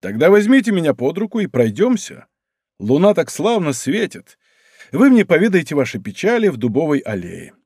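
A man voicing a bold, teasing musketeer captain who talks in a brisk, rough-affectionate way. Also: a little high, wildly swooping pitch, a little mellow, no echo, clean studio sound, pitched above the performer's own voice, heavily acted. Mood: bantering.

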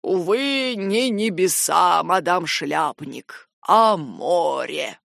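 A woman voicing a grim, shaken nobleman with a hoarse, rasping voice, speaking in slow, halting phrases for an audiobook. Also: fairly low pitch, lively intonation, fairly bright tone, no room sound, clean studio sound, voice pushed down, full character voice. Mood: grave. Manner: halting, heavy delivery. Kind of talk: audiobook character voice.

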